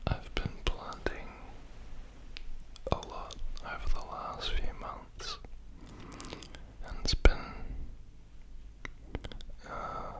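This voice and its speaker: An ASMR host whispers and rambles right up against stereo microphones, moving from ear to ear. Long, drawn-out pauses stretch between the words.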